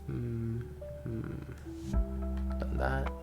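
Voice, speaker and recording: Music plays behind a man casually chatting on stream as he works on a game, rambling and thinking aloud. His mid-range, creaky voice is animated but extremely slow.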